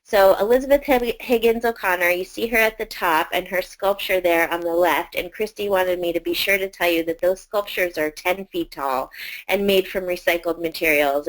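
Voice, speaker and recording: A woman presents a collection of arts education videos to teachers, speaking conversationally with frequent fillers. Her voice is fairly low-pitched and the recording is rough.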